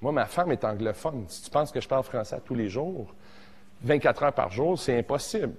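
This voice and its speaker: A man in his forties with a Québécois accent, teaching a casual songwriting workshop, joking and animated, tossing in English words. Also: medium pitch, brisk, husky, in a large hall. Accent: Québécois French. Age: 40s.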